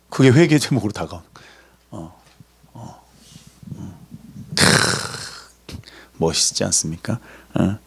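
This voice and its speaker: A man preaching a sermon in a lively, conversational way, acting out voices as he goes. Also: mid-range voice. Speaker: pastor.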